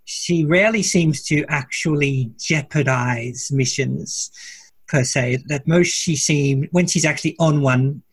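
A man co-hosting a casual fan discussion podcast, speaking in a measured, thoughtful way. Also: fairly high pitch, husky, no room sound. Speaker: podcast co-host.

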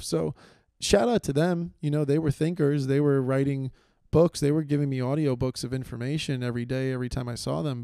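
Here a young man rambles through a casual solo comedy monologue for his podcast, mocking himself and stumbling over fillers and restarts. His mid-range voice sounds gravelly yet mellow and smooth. The sound is dry and studio-clean, captured on video in a small room.

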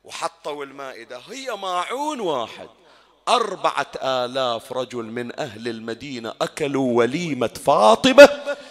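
A man with a Bahraini Arabic accent giving a Shia mourning sermon, moving from soft storytelling to loud, wailing climaxes. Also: mid-range voice, big pitch swings, normal speed. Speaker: preacher. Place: mourning hall.

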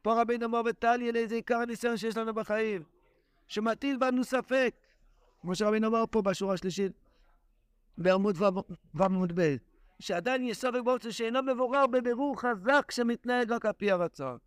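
A male Torah teacher giving a daily lesson in an impassioned, exclamatory manner. His voice is fairly high, and the recording is close and dry with no room sound. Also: no room sound. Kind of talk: daily religious text lesson.

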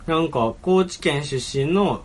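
A man's voice: a little high, lively intonation, measured pace. A young man co-hosting a casual radio chat, trading teasing banter with his partner. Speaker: podcast co-host.

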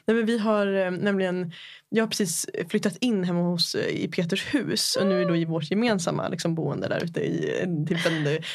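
A woman's voice: lowish voice, lively intonation, gravelly. Chatty woman podcast host. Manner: chatty, many fillers, rambling anecdote. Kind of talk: casual podcast conversation.

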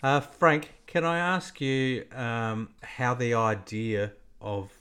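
A man's voice: mid-range voice, steady tone, slow pace, sharp tone, slight background noise. A man, hosting a podcast and asking long, winding questions. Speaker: podcast host. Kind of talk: casual interview.

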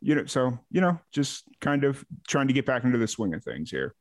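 Relaxed man hosting a podcast. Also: medium pitch, brisk. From south side of Chicago, USA. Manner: relaxed, many fillers like uh and you know. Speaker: podcast host. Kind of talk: casual interview chat.

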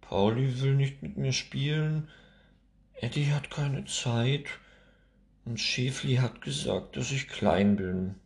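Storybook tantrum: a tiny furious girl who shrieks high and loud, as a man puts her on. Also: wildly swooping pitch, extremely slow, heavily acted. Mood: sobbing. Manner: shrieking, screaming. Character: small furious young girl, stubborn and loud.

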